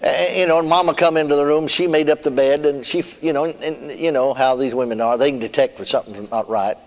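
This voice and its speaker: A man's voice: on the high side, brisk. A man preaching a folksy, rambling sermon as a personal story, with colloquial asides. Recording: archive sermon in a reverberant hall.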